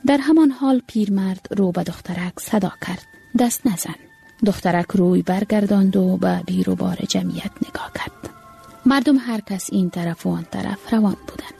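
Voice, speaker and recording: A woman with an Afghan Dari accent reading a story in soft, hushed narration with a breathy, gravelly voice. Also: mid-range voice, big pitch swings, soft background music.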